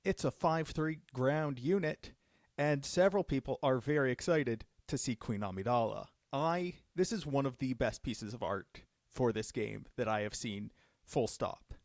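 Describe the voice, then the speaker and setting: A man's voice: mid-range voice, unhurried, a little mellow, no echo, clean studio sound. Upbeat man hosting a live stream. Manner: enthusiastic, upbeat card reveals. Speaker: judge program host.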